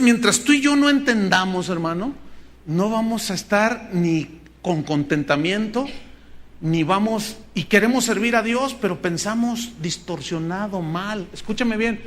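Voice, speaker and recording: Mexican pastor, male, high-pitched preacher, animated and earnest. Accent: Mexican Spanish. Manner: earnest, animated storytelling with acted quotes. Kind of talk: sermon. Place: church hall with congregation.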